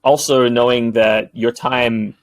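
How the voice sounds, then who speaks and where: A man narrating a tabletop game as game master, in a lively, animated way. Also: medium pitch, slow, dry recording, poor audio.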